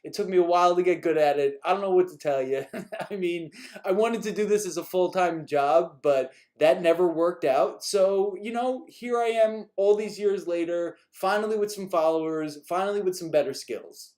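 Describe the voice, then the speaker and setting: This is a New York man on a casual live stream, fielding viewer questions with rambling answers and chuckles, and showing some exasperation at repeats. He speaks at a normal speed in a high-pitched, darkish voice.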